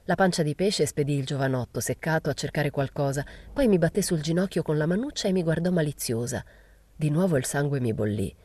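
A woman reading a novel aloud in a measured first-person narration. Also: deep voice, lively intonation, dark tone, breathy edge, no room sound. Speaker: reader.

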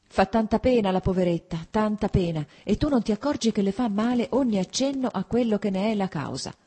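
A woman's voice: on the low side, expressive, fairly quick, mellow, breathy edge. A woman reading the part of a fretful, reproachful middle-aged princess in a storybook. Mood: distressed. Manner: reproachful, emotional.

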